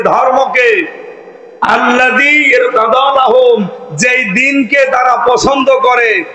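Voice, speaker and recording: A man from Bangladesh preaching an outdoor Islamic sermon, shouting as he explains Quranic verses over a loudspeaker microphone. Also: very high-pitched. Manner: fiery, shouting Quranic exposition. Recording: echoey, reverberant PA sound.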